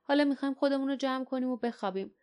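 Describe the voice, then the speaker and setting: A woman doing a polite, soft-spoken male Kin creature. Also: high voice, clear, resonant tone, pitched above the performer's own voice, natural voice. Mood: apologetic.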